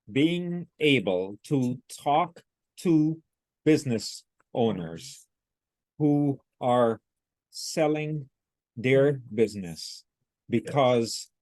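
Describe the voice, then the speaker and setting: A man doing a slow robot-like reading voice. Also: medium pitch, no room sound. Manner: slow halting word-by-word delivery. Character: father reading son's typed words, robot-like.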